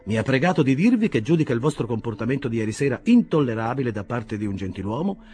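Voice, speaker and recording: A man's voice: medium pitch, very animated, quick pace, darkish tone, husky, faint music behind. A man voicing a stiff, formal army officer in a read-aloud novel. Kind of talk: audiobook character voice.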